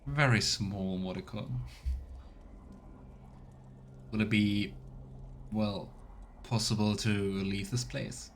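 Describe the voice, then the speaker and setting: Faint game music plays as a man streams a game, musing aloud and reacting in casual let's play commentary. His voice is on the low side with fairly even intonation and a slow pace, and there's a little hiss or hum.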